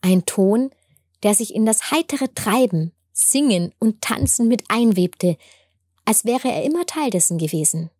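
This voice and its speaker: Breathy, gentle woman storyteller. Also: mid-range voice, expressive, unhurried, no echo, studio quality. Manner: gentle, tender and wondering. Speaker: storyteller and author. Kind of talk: storybook narration.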